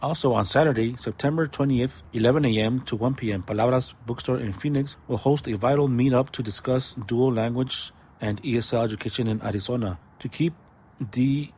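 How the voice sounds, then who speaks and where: Husky-voiced man reading community announcements. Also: medium pitch, darkish tone. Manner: reads out phone numbers and web addresses slowly. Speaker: community events host. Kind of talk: read announcements.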